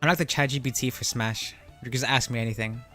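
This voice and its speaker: A man's voice: mid-range voice, fairly even intonation, fast, bright, forceful tone. A man whose voice runs through a voice changer, chatting casually as a gaming streamer and explaining things, often checking in with "right?" and "you know?". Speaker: livestreamer answering chat about a fighting game. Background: music.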